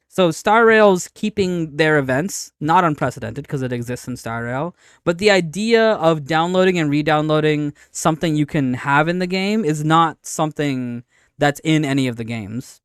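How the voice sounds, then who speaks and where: A man streaming casual live commentary, arguing his points in an insistent, halting way with frequent repetition. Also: fairly high pitch, clear, resonant tone, no echo, studio quality. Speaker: streamer reacting to a video and answering chat. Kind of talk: casual live commentary, debating game updates.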